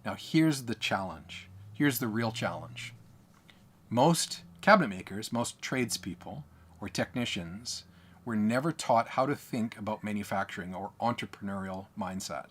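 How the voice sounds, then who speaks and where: An Australian man with a lowish, slightly breathy voice speaks to camera at a moderate pace, coaching business owners. His delivery is emphatic and lecturing, and he keeps hammering his points home.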